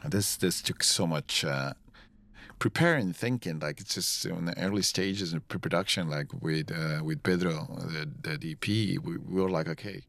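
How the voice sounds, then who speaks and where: Male film director, very deep voice, informal commentary, halting and repetitive phrasing. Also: creaky, fairly bright tone, dry recording.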